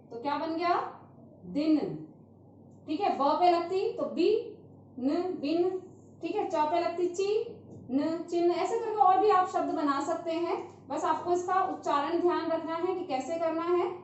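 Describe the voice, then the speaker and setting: A high-voiced woman teaches young children, stretching out each syllable and pausing to check that they follow. She sounds distant from the microphone in a very echoey room, and the recording is dull and lo-fi with a faint hiss. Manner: patient, repeats sounds slowly, often asks "thik hai". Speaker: primary school teacher. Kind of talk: classroom lesson on Hindi vowel signs.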